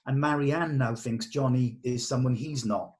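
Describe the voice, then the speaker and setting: A man with a medium-pitched, darkish voice reads through a script during an informal table read, his intonation fairly even and his speed normal. He thinks aloud and gives brief, direct notes on what needs changing.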